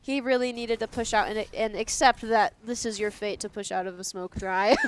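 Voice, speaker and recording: A young woman doing casual live esports commentary, excitable and teasing, often breaking into giggles. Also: on the high side, moderate pace. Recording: faint background noise.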